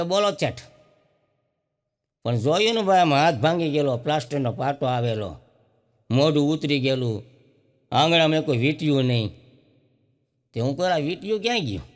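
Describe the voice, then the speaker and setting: A man's voice: on the high side, expressive, moderate pace, long pauses, fairly bright tone, in a large hall. A man tells folksy comic stories on stage. He acts out each character as he quotes their lines, and keeps the tale moving. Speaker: stand-up comedian. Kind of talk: comic storytelling.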